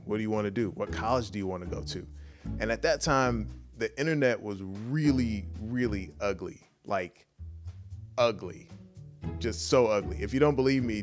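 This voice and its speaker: A man with an American accent and a fairly low voice talks casually, like a vlogger sharing his own story. His delivery is conversational and wry, with rhetorical asides to the viewer. Faint music plays behind him. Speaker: YouTube vlogger and software engineer. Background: background music.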